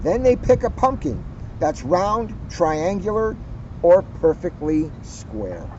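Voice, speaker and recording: This clip, part of a community video series, features a police officer whose voice sits high as he reads aloud to children at an outdoor garden center. He tells the story expressively and deliberately, lingering on phrase endings and slipping into informal chat, all captured in dull, noisy audio.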